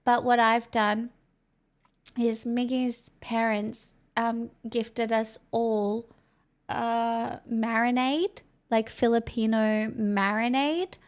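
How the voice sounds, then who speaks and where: This young Australian woman's voice is on the high side and smooth, with fairly even intonation and a slow pace. She's live streaming, talking frankly and loosely to her viewers, and says her voice feels strained.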